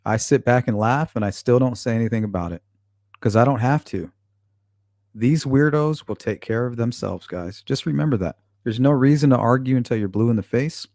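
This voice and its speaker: Speaking at a moderate pace with a medium pitch and darkish tone, a man reads his live chat aloud and answers commenters with blunt, frequently profane retorts. It's a casual livestream recorded at studio quality with no echo.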